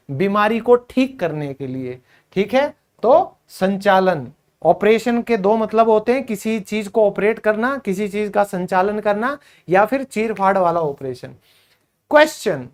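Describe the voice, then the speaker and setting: Male English teacher, beginner drills, unhurried word-by-word delivery, talks to students as friends. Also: sits high. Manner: drills each word by repeating it slowly; addresses learners as friends. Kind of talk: spoken English lesson for beginners.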